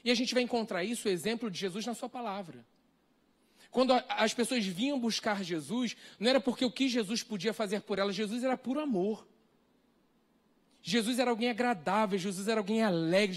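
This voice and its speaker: A man's voice: high-pitched, fairly quick. A man with a Brazilian accent preaching a sermon, earnest and full of repeated rhetorical questions. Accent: Brazilian Portuguese. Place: church hall, live stream.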